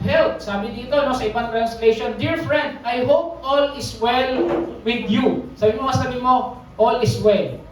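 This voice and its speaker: Filipino preacher, Sunday sermon, reads verses and explains them, engages the congregation, heard from a distant mic. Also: mid-range voice. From Philippines. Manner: interactive, often checks in with the congregation. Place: church service hall. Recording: echoey hall, distant mic, faint noise.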